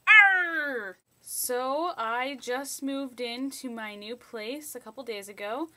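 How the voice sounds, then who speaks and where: A woman's voice: on the high side, fairly even intonation, unhurried, fairly bright tone. A young woman chatting casually through a room tour in a small bedroom, rambling through everyday details, recorded on a laptop mic. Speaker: vlogger. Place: small bedroom in a shared house. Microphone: laptop built-in mic, carried around.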